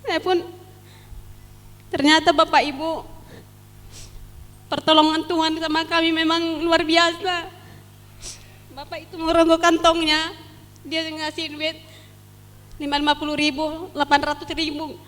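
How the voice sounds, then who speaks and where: A woman's voice: very high voice, level tone, measured pace, long pauses, a bit bright, in a large hall. A woman giving a fervent, pleading church testimony, sometimes near tears. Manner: fervent, pleading, at times tearful.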